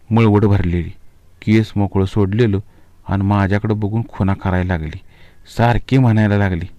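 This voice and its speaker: A man's voice: fairly low pitch, darkish tone, no echo. A man telling a Marathi short story aloud, narrating and voicing village characters in rustic dialect.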